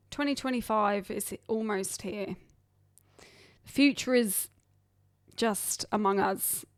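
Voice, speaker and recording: A young Englishwoman hosts her own podcast, rambling chattily and self-deprecatingly on her own. Her voice is mid-range, recorded dry with studio quality, indoors in a hot, humid region.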